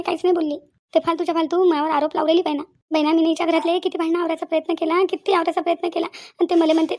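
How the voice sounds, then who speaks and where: A woman's voice: very high-pitched, a little mellow. A woman voicing quarrelsome middle-aged village women in a cartoon, accusing and bickering. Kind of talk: cartoon voice acting.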